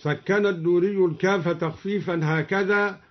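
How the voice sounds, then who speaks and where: A man reciting scripture in slow, melodic chant, with spoken notes explaining variant readings between passages. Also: sits high, steady tone. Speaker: Quran reciter. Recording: dull lo-fi old radio recording.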